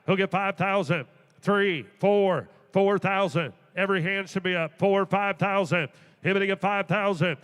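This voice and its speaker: A man's voice: high-pitched, normal speed, a bit bright, clean tone. A man working as an auctioneer, chanting bids in a rolling, repetitive patter with folksy asides. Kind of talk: rapid rhythmic auctioneer chant, calling bids. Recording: echoey auction hall with long reverb.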